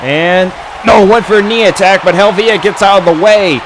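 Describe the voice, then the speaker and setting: A man working as a wrestling commentator, giving excited, exclamatory play-by-play in halting bursts with mild slangy expletives. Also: high-pitched, a crowd in the background, background noise.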